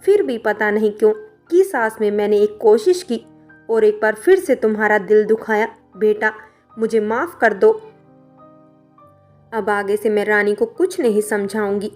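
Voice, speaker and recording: A woman's voice: mid-range voice, unhurried, darkish tone, faint music behind, close to an everyday voice. A woman voicing a middle-aged mother who scolds her daughter firmly and reproachfully. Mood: remorseful. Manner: firm, reproachful.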